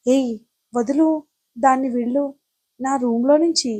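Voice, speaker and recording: A woman voicing an angry young man who sharply scolds and shouts at his cousin in an audio story. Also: high-pitched, unhurried, husky.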